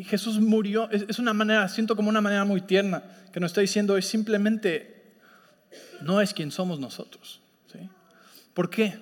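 High-voiced pastor in a reverberant hall. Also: male voice. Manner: conversational storytelling with frequent check-ins. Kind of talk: sermon. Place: church sanctuary. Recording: long reverb of a large hall.

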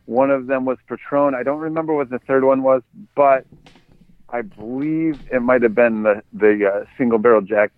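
A man's voice: mid-range voice, moderate pace, narrow, tinny audio. A laid-back man from the United States, casually telling a story on a podcast and chuckling as he goes. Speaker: podcast co-host.

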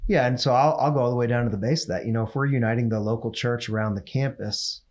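Animated man with a coaching tone. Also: mid-range voice, fast. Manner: animated, coaching tone, repeats phrases for emphasis. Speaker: ministry leader, podcast co-host. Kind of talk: casual ministry podcast conversation.

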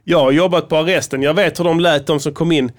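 A man's voice: a little high, steady tone. A man hosting a casual podcast, talking in a rambling, profane way with frequent restarts. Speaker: podcast host.

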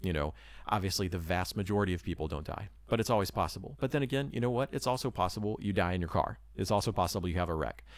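Man, low voice, dry close sound; casual talk, rambling and earnest. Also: expressive, fast, few pauses, no room sound. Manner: rambling, full of hedges and "you know". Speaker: missionary preparing to move abroad.

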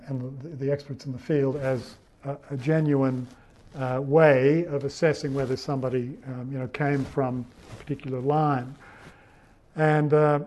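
Man speaking, mellow tone. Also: a little high. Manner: anecdotal, many fillers and restarts. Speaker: barrister giving advocacy training. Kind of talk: talk to lawyers on expert witnesses.

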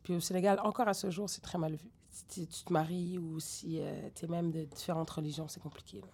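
A woman's voice: on the low side, fairly quick, slight background noise. A woman with a French accent with Québécois traces, a rapper raised in Senegal, talking candidly and digressively in an interview. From grew up in Senegal. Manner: animated, digressive, many fillers. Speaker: rapper guest.

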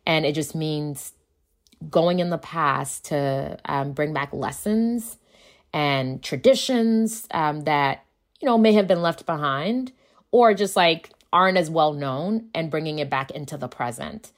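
Her voice is low-pitched and her pace measured as this woman, a native speaker of Akan, chats informally in an interview about founding a school, performing bits of dialogue while she narrates.

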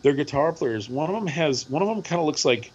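A middle-aged man with a hoarse voice, co-hosting a podcast and telling a rambling, animated story with lots of repeats. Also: fairly high pitch, fairly quick, muffled recording. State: hoarse from screaming at a concert. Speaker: podcast co-host. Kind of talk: casual chat.

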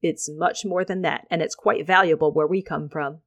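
A woman voicing a mysterious old male cowboy stranger who speaks in a brisk, low-key, cryptic way. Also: steady tone, a bit bright, no echo, clean studio sound.

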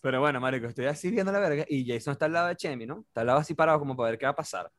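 A man's voice: fairly high pitch, no room sound. A young man with a Venezuelan accent, telling a slangy party story on a podcast and acting out the voices of the people in it. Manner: rapid, slangy, acts out quoted voices. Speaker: podcast host. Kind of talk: casual storytelling.

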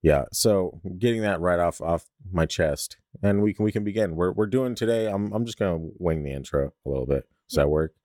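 Man, stuffy nose, deep low voice, rambling self-deprecating host, dry close recording. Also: fairly quick, few pauses, a little mellow, dry recording. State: stuffy-nosed. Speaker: podcast host. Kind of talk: casual podcast banter.

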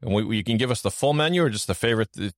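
A man's voice: medium pitch, animated, very fast, dry recording, clean studio sound. A man hosting a casual podcast, asking quiz-style questions in an upbeat, joking way. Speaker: podcast host.

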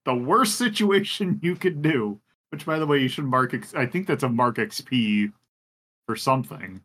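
A man's voice: mid-range voice, moderate pace, fairly bright tone. A man running a tabletop game as game master, narrating with many fillers and restarts.

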